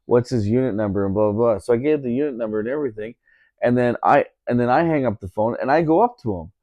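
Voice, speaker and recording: A man's voice: mid-range voice, animated, fast talker, a little mellow, dry recording. A man telling a story in a casual podcast chat, indignant, repeating himself with lots of fillers.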